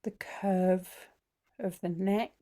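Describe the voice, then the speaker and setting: A woman leads a guided body scan in an unhurried, gentle way. Her pitch sits in a middling range, and she often pauses on ums. Some phrases drop to a soft whisper. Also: fairly even intonation. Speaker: breathwork and mindfulness teacher.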